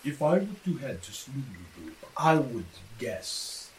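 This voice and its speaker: A man playing a gentle pacifist creature from underground, speaking in a formal, measured, earnest way. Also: medium pitch, big pitch swings. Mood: earnest, serene. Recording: roomy, distant mic with hiss.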